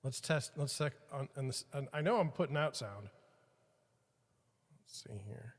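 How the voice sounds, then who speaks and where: In an echoey room, a podcast host talks to himself and his viewers while fixing gear on a livestream, rambling and putting himself down. His mid-range voice is animated and unhurried, picked up by a studio mic whose levels keep shifting.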